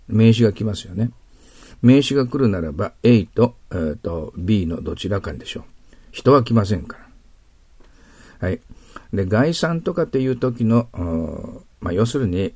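A man's voice: fairly low pitch, a little mellow, husky, no room sound. A man teaching English exam questions in a patient lecture, often checking in with his listeners. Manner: patient explaining, frequent tag questions.

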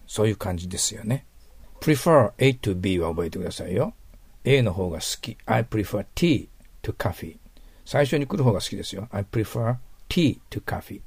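A man's voice: fairly low pitch, creaky, a little mellow, slightly rough, dry recording. A man teaching English vocabulary, breaking words into their roots and asking his listeners rhetorical questions. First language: Japanese. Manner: explains word roots step by step, asks listeners rhetorical questions. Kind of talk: recorded vocabulary lesson.

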